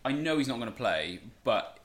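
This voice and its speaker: A man's voice: mid-range voice, big pitch swings, moderate pace, reverberant. A man co-hosting a podcast, chatting casually and rambling, with lots of fillers and restarts. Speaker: podcast co-host. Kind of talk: casual podcast chat about fantasy football.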